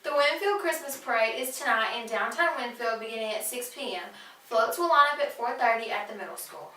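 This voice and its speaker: A woman's voice: fairly high pitch, fairly quick, pushed and bright. A young female student reading scripted announcements in the style of a school intercom. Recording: echoey, distant mic, faint room noise.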